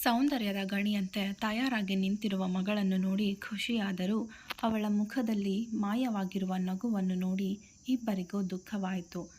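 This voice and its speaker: A woman storyteller reading a scripted story narration in a calm, even way. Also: mid-range voice, a little slow, a little hiss or hum.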